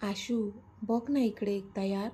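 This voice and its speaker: A woman's voice: medium pitch, fairly even intonation, slow, warm tone, slightly rough. A woman voicing a playful, lovestruck young man in a storybook reading, pleading and coaxing. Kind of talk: storybook narration.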